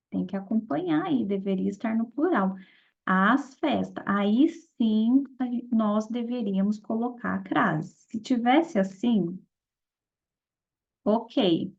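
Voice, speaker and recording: Woman teacher with a gravelly voice. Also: on the high side, darkish tone. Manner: explanatory, checks in with listeners often. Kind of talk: exam-prep lesson. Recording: dull lo-fi audio.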